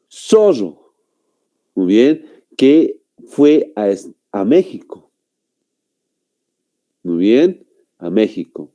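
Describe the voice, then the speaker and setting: A man teaching a grammar class in a very dark, mellow voice. His pitch moves a lot as he explains each point. He keeps stopping to check that his students are following. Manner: explains slowly, often checks with "¿no?" and "muy bien". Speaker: language teacher. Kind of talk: online grammar lesson.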